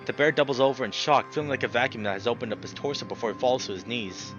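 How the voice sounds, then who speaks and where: A man reads a visual novel aloud as a let's player, dramatic and expressive, swearing freely in his casual reactions. His mid-range voice moves quickly, the audio sounds dull, and music plays in the background.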